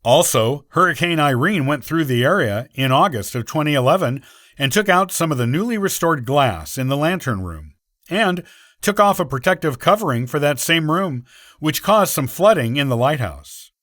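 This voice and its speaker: A man's voice: fairly high pitch, lively intonation, moderate pace, fairly bright tone, no echo, clean studio sound. A man, a podcast host, reading a scripted history narration evenly from a script.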